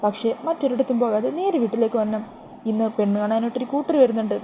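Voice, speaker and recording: A woman's voice: fairly high pitch, fast, dark tone, a little hiss or hum, lightly acted. A woman voicing a bossy middle-aged woman who gives curt, mocking orders.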